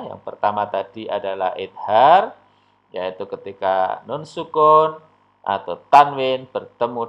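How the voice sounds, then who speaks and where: Male recitation teacher, patient and unhurried, mid-pitched voice, muffled home recording. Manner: slow, patient explaining with chanted recitation examples. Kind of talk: online tajwid lesson. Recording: dull lo-fi audio.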